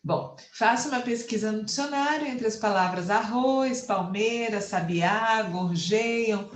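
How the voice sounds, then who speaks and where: Slow, patient woman teacher, echoey room. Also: medium pitch. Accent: Brazilian Portuguese. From Brazil. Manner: slow, patient explaining, counts syllables aloud. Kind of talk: online class lecture.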